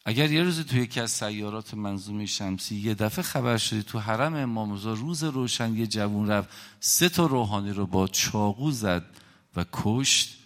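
A middle-aged man from Iran giving an impassioned religious lecture, telling stories dramatically with sudden swings in loudness. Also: on the low side. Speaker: religious speaker.

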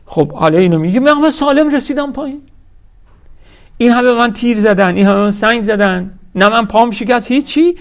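In a religious lecture, a man reads lines from a historical text, then explains them in everyday language and tells listeners what to note. He addresses them directly, stressing key words. His voice is extremely high and expressive.

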